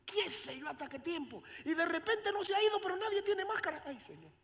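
A male pastor preaching a sermon in church, swinging between quiet passages and loud dramatic exclamations. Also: very high voice, big pitch swings, a little fast.

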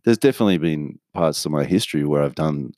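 A man's voice: very deep voice, expressive, quick pace, darkish tone, dry recording, studio quality. A man hosting a solo podcast, talking candidly and rambling with frequent restarts. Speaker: podcast host. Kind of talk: casual solo podcast monologue.

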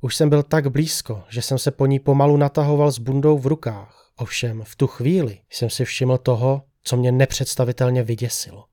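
A man tells a first-person horror story in scripted narration. His delivery stays measured and steady, his voice sits in an ordinary middle pitch, and the recording is close and dry. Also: no echo.

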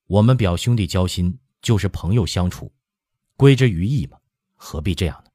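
A man giving voice to a composed imperial prince in an audiobook, speaking in a calm, flat and measured way as he delivers a stern rebuke. The voice is deep and dark, with a husky grain. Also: dry recording, clean studio sound. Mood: coolly stern.

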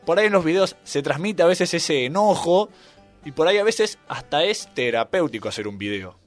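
A man's voice: a little high, a little fast. A man with an Argentine accent, a volleyball player and YouTuber, joking and telling stories as a guest in a radio interview. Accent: Argentine Spanish. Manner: joking, animated storyteller. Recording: radio studio with faint music.

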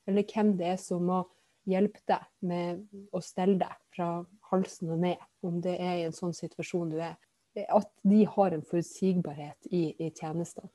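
A woman politician answering questions in a casual interview over a video call, pausing often with filler sounds. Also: on the low side, dark tone, no echo. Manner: hesitant, many filler sounds. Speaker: politician, podcast guest.

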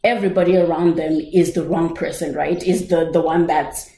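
A chatty woman hosting a podcast and telling her own story in an animated way. Her voice sits a little low and sounds mellow. The room around her is echoey. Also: moderate pace, vocal fry. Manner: animated, chatty, says "right?" often. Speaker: podcast host. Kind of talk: personal testimony talk.

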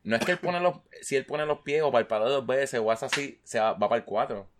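A man, casually chatting as a podcast co-host and telling animated stories, swearing constantly and mimicking the people he talks about. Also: mid-range voice, fairly quick, background noise. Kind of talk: casual chat.

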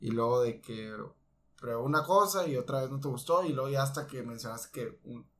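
Reflective Mexican podcast co-host. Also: male voice, medium pitch, fairly quick, a bit bright. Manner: reflective, with many restarts. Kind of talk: casual chat.

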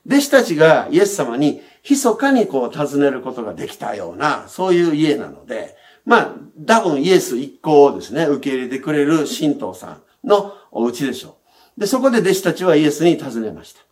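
Male pastor, sermon, chatty explainer, slightly high and very lively pitch. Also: normal speed. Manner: conversational, explanatory, with frequent softening sentence endings.

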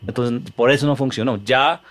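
American man talking comedy in halting Spanish. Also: mid-range voice, fairly even intonation, fairly bright tone. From United States. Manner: explains his comedy method in halting Spanish, mixing in English fillers. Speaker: comedian guest. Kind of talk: casual podcast conversation.

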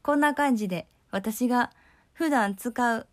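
A woman's voice: on the high side, measured pace, no echo, clean studio sound. A young woman with a Kansai accent hosting a casual solo talk show in a chatty, friendly way and laughing easily. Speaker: host.

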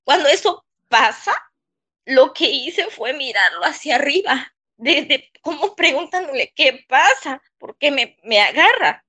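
Woman interviewee, high-pitched and unhurried, speaking in shaken, broken phrases. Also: very animated, pushed and bright. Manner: halting, shaken, pausing often. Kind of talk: emotional personal testimony.

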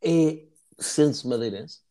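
This host speaks, the pitch sitting mid-range. They run a relaxed interview chat, keep the talk moving with brief agreeing words, and often sum up the guest's story in their own words. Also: slow. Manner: short affirmations, rephrases the guest.

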